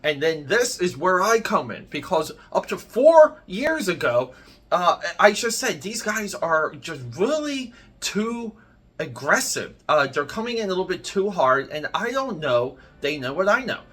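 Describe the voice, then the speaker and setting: Middle-aged male YouTuber, fairly high forceful voice, worked-up blunt ranting delivery. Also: very animated, moderate pace, husky. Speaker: comics YouTuber. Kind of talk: opinionated rant to camera.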